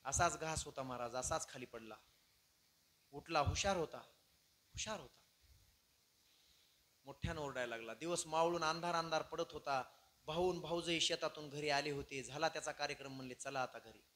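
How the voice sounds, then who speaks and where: A man's voice: fairly high pitch, moderate pace, pauses often, fairly bright tone. A man preaching a kirtan, telling a moving story dramatically to his listeners. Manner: dramatic, emotional storytelling to the audience.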